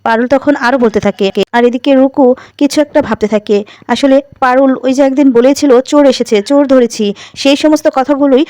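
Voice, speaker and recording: A woman narrating a plot recap in a quick, running way, lightly acting out the characters' lines. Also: high voice, steady tone, dark tone, no echo. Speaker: story narrator. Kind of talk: retelling a serial's plot with voiced dialogue.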